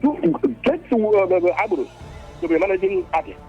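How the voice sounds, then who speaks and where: A man calls into a radio show and speaks with fervent passion, repeating his points. His voice is high and gravelly, and his pitch swings widely. The call sounds dull and lo-fi. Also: very animated, brisk, soft background music. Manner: impassioned, fervent, repeating himself. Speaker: radio caller. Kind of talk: phone-in call. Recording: dull phone line into radio.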